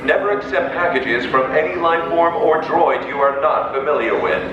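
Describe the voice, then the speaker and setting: An actor playing a male galactic security announcer, giving a formal public-address announcement over a queue loudspeaker. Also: fairly high pitch, expressive, far from the mic. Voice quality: formal, measured announcer delivery. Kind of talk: recorded theme-park announcement. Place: indoor ride queue. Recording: echoey, dull loudspeaker heard from afar.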